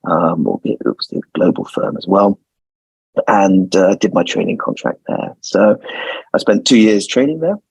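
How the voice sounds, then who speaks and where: Deep-voiced and darkish with a breathy edge, this guest lawyer from London speaks at a normal pace with lively intonation and a London accent. In his forties, he considers interview questions carefully, repeating words as he works out what to say. The recording is dry and the audio poor.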